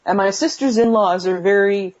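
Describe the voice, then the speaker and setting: A woman's voice: mid-range voice, moderate pace, a little mellow. Woman on a breaking-up phone connection. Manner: hesitant, with many fillers and restarts. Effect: bad connection on a phone video call, breaking up. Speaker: interview guest. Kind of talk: answering questions in an interview. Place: bedroom at home. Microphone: video call app on a phone. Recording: lo-fi phone call audio.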